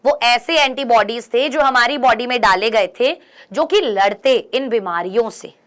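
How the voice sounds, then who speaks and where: Young woman teacher doing exam prep, high bright voice, reads english bits slow then explains, keeps asking students questions.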